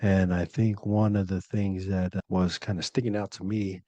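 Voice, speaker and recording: Polynesian guy from cali on a podcast, low mellow voice, chill slangy and sincere, dry sound. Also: normal speed, no room sound, highs cut off. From Polynesian, living in California. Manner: relaxed, slangy, earnest. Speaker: podcast co-host. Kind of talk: casual podcast talk.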